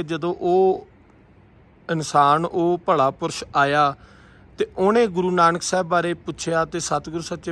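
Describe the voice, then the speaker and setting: Out in the mountains, a Punjabi travel vlogger with a slightly high, somewhat bright voice tells a temple story with reverence. He also enthusiastically admires the scenery around him.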